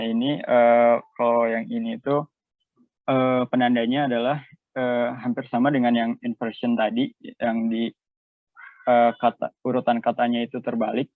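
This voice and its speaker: A man's voice: medium pitch, dry recording. A young man with an Indonesian accent giving a class presentation, hesitant with many fillers and switching between two languages. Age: young adult. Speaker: student presenter. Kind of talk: class presentation, reading notes and explaining. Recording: tinny dry phone-like call audio.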